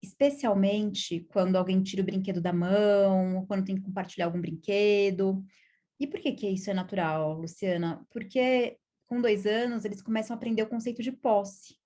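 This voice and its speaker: A woman child psychologist with a Brazilian Portuguese accent gives a calm, explanatory video lesson. Her voice sits at a middle pitch, and she keeps checking in with her listeners through small tag questions. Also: normal speed.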